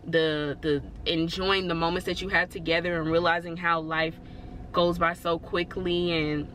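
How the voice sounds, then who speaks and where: Chatty bright-voiced woman vlogger. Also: on the low side, level tone, moderate pace, slight background noise. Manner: chatty and rambling, full of "like" and "you know"; encouraging, reassuring. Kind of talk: casual motivational talk to camera.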